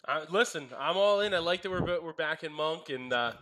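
Bright-voiced podcast host running picks. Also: male voice, fairly high pitch, normal speed. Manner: runs the picks, relaxed banter. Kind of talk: casual sports betting chat.

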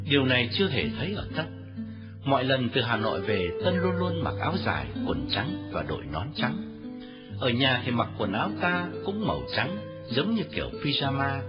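A man narrating a novel as an audiobook in an expressive storytelling reading. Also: medium pitch. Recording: dull lo-fi recording with faint music.

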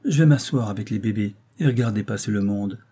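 A proud, cold young woman, as a male audiobook reader puts her on speaks from a storybook in a dry, clipped tone. The voice sits a little raised above the reader's own and stays dark and husky. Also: fairly low pitch, a little fast. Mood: cool, proud.

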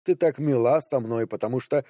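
A man voicing a bitter, resentful human brain trapped in a ship's computer, speaking slowly and coldly with sarcasm. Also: mid-range voice, mellow, no echo, clean studio sound, lightly acted. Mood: angry. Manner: slow, cold and sarcastic. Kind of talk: audiobook character voice.

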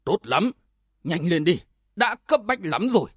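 A man's voice: sits high, big pitch swings, unhurried, breathy edge, no echo, studio quality, heavily acted. A man reading aloud as a commanding old grandfather who leads a martial clan. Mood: urgent. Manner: commanding, stern.

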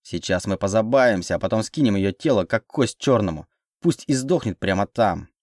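A man's voice: fairly low pitch, animated, moderate pace, a little mellow, no room sound, studio quality. A man voicing an unhinged bald prince who gloats and shrieks in triumph. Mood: gloating.

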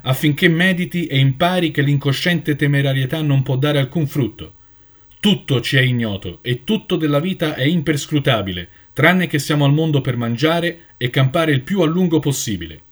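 A man's voice: fairly high pitch, expressive, normal speed. A man reading aloud, voicing an old male seagull elder who proclaims a judgment in a solemn ceremonial tone.

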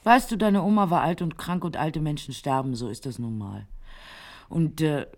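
An actress playing a calm, matter-of-fact mother in a radio play. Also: deep voice, moderate pace. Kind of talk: 1980s radio play acting.

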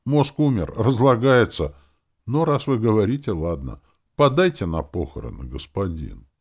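A man voicing a meek, mournful undead cab driver with a hoarse, nasal voice. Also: on the low side, very animated, normal speed, a little mellow, voice pushed up, full character voice. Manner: mournful, servile.

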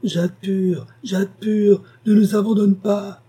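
A man's voice: medium pitch, moderate pace, darkish tone, breathy edge, close to an everyday voice. A man voicing a frail elderly grandmother with weak eyes, speaking in a trembling, pleading way.

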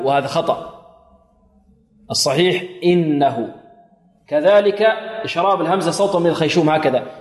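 A man with a somewhat high voice leads a recitation lesson. He poses questions, supplies the answers and demonstrates each point in a chant. His voice carries a long hall reverb. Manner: asks the class questions and answers them, repeats a blessing often. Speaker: Quran recitation teacher.

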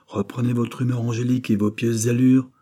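A man doing a calm, mocking detective. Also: mid-range voice, fairly quick, breathy edge, pitched above the performer's own voice, close to an everyday voice. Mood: ironic. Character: calm, ironic male detective.

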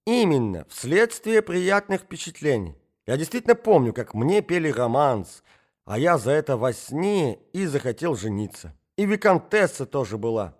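A man reading an audiobook, voicing a muddled, forgetful old prince who rambles and brightens easily. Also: fairly high pitch, very animated, moderate pace, pitched above the performer's own voice. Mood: delighted.

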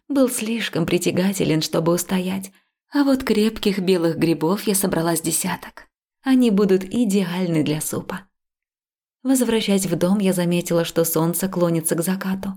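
A woman narrating a first-person audiobook in a calm, even reading. Her low voice has a gravelly edge and a dark, mellow tone.

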